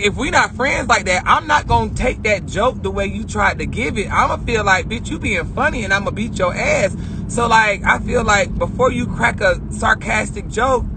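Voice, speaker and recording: A woman hosting a casual live stream from inside her car on a phone, talking in a brash, joking, profane way. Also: fairly high pitch. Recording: car noise behind.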